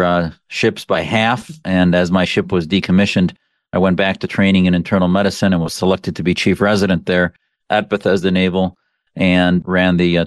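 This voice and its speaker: A man from the American Midwest, a physician guest on a radio interview, speaking in a measured way with frequent pauses. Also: low voice, no echo. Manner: measured, many uh fillers.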